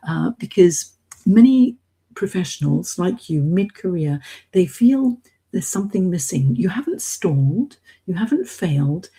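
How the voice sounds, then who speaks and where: This middle-aged woman, a British expat based in Hong Kong, hosts a casual coaching live stream and addresses listeners in a direct, encouraging way. She has a husky, warm, lowish voice, a lively melody, and a slightly slow pace.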